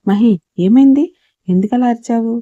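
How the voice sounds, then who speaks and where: Casting: woman playing a worried middle-aged uncle in an audio story, alarmed, dark muted tone. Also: high-pitched, steady tone, moderate pace, no echo, dull audio.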